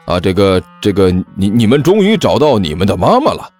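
A man's voice: lowish voice, wildly swooping pitch, a little fast, darkish tone, faint music behind. A man voicing a child trafficker who puts on a forced, cheerful manner and stammers with uneasy laughs. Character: fake-friendly male child trafficker, grown man.

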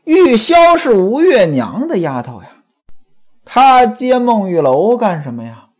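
A man retells a classic novel and comments on it in a chatty way. He keeps speaking straight to his listeners. His voice sits slightly high and swings widely up and down. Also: wildly swooping pitch, a little slow, a little mellow. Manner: chatty, addresses listeners directly. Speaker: storyteller and commentator.

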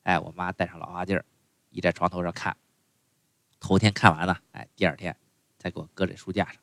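A man's voice: sits low, flat delivery, brisk, creaky, a bit bright, no echo. A man performing a stand-up comedy monologue, chatty and full of fillers and asides to the audience.

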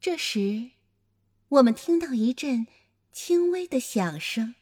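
Playful woman storyteller for a children's story, high and lively, unhurried. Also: husky. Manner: animated, playful.

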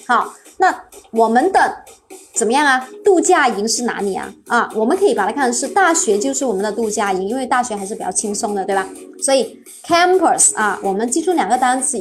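A woman with a high voice leads a live-streamed English vocabulary lesson. She spells each word letter by letter, quizzes her class and praises them often. Faint music plays quietly under her voice. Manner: spells words letter by letter, asks the class questions.

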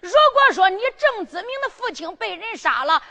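Brief: wily emperor sweet-talking his sworn brother, voiced by a woman storyteller; high, bright delivery. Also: very animated, moderate pace, long reverb tail, full character voice. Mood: persuasive, insistent. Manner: coaxing, persuasive, pleading. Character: scheming, coaxing male emperor, older sworn brother.

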